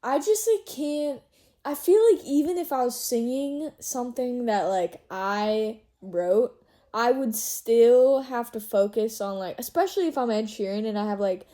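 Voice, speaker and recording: A young woman co-hosting a podcast in casual chat, talking fast and loose with lots of fillers and frequent laughter. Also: on the high side, dark tone. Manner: chatty, filler-heavy, laughs often. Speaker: podcast co-host.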